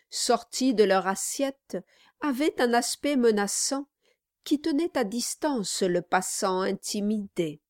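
A woman narrating a classic novel as an audiobook, in slow, measured storytelling. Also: medium pitch, darkish tone, dry recording, studio quality. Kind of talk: scripted narration.

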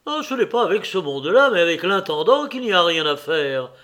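A man reading an audiobook voices an adult male landowner who fires off sharp, demanding questions. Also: high voice, animated, normal speed, pitched above the performer's own voice. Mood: exasperated. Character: impatient landowner, adult male, quick to anger.

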